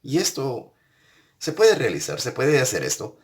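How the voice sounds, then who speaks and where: A man's voice: medium pitch, wildly swooping pitch, a little slow. A man teaching an English grammar lesson, patiently repeating and spelling out each step. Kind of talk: recorded classroom lesson.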